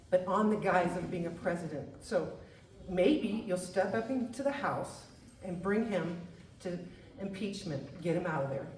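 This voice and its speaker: A woman's voice: mid-range voice, a little mellow, slight background noise. Woman, public commenter at a town hall, indignant and urgent, heard from a distance in an echoey room. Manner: indignant, urgent, addressing her congressman directly. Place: museum meeting room.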